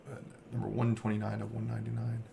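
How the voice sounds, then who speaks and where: A man's voice: fairly low pitch, completely flat delivery, fast, gravelly, mellow. A man hosting a card break, casually rambling as he reads off player names. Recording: faint background noise.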